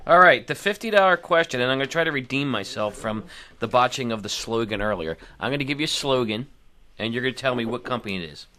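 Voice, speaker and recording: A man co-hosting morning radio with a bright, crisp voice. His pitch swings widely as he plays up the trivia questions in a playful, expressive way. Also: fast talker. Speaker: radio co-host. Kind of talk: casual radio chat, running a trivia game.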